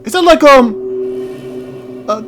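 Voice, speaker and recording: Hosting a gaming channel, a man rambles casually and reacts aloud to a game in let's-play style. His voice is extremely high, expressive, slow and a bit bright. There's a little hiss or hum in the background.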